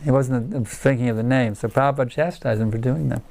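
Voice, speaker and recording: A man's voice: mid-range voice, a little fast, vocal fry, darkish tone. An older man giving a devotional lecture to a small group, earnest and emphatic, repeating words for stress. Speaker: spiritual teacher giving a lecture.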